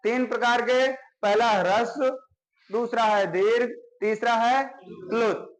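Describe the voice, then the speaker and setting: High-voiced man teaching a class. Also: fairly even intonation, slow, rough recording. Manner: explains step by step, often checking with "है ना?". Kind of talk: classroom grammar lesson.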